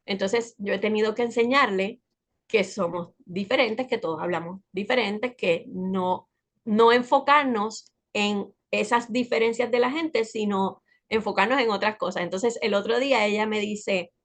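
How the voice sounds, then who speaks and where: A woman's voice: medium pitch, normal speed. A woman with a Puerto Rican accent, a guest sharing a personal story in a casual, conversational way with frequent tag questions. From Puerto Rico. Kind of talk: casual chat.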